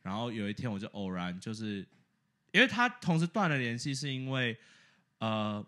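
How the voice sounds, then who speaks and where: Male co-host, casual story chat, very animated pitch, bright voice, laughs a lot, mixes in English. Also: normal speed. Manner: animated, laughs often, slips English words into his talk. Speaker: podcast co-host.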